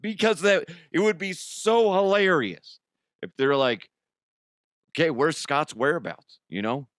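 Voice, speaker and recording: A male comedy host with a voice on the high side delivers a loose, unhurried monologue full of swearing. He is animated, laughs often, and acts out the people he quotes, recorded with a dry, close-miked sound.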